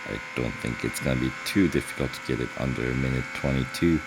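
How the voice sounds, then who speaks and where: A man giving casual gameplay commentary, relaxed and thinking aloud with frequent pauses. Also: rumbling low, vocal fry, noisy background. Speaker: gaming channel host.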